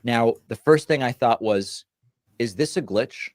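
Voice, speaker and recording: A man's voice: medium pitch, unhurried, dry recording, studio quality. A man giving earnest, direct commentary to camera in a played clip. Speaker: online commentator.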